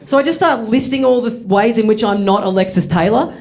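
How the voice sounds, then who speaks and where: A man's voice: high voice, a little fast. A young Australian man telling a story in stand-up, wry and self-deprecating, laughing through his lines before a live audience. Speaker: stand-up comedian.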